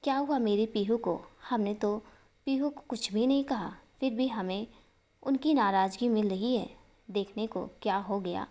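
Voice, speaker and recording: A woman voicing a gentle, caring young husband who speaks softly and coaxes a child. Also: medium pitch, moderate pace, natural voice. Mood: gentle, coaxing. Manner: soft coaxing, speaking kindly to a child.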